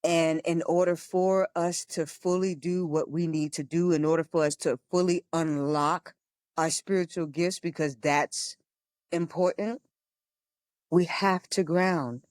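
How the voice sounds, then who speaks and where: A woman's voice: low-pitched, fairly even intonation, a little slow, a little mellow, dry recording, clean studio sound. A woman co-hosting a spiritual podcast, talking frankly and earnestly, with some swearing and frequent laughter. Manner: frank and profane, laughing often; earnest, teaching tone. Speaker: podcast co-host. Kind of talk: casual spiritual talk.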